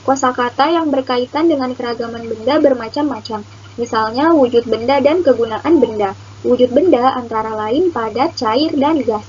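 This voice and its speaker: A woman's voice: fairly high pitch, moderate pace, darkish tone. A young woman narrating a children's lesson as a teacher, in a sing-song way as if reading to a toddler. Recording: muffled lo-fi recording, faint noise.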